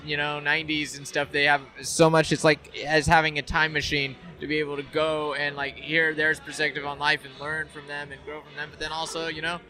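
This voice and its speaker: A man's voice: a little high, pushed and bright. A man talking as a guest on a podcast recorded live at an event, earnest and rambling, with many fillers and restarts. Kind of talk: casual chat.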